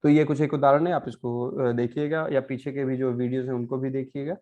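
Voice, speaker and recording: A male teacher walks his class through pronunciation, repeating each example word slowly and checking that they follow. His voice sits at an ordinary middle pitch. The recording sounds a little dull and lo-fi. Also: level tone, mellow. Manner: patient, repeats words slowly and adds frequent "है ना" checks. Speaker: Portuguese language teacher.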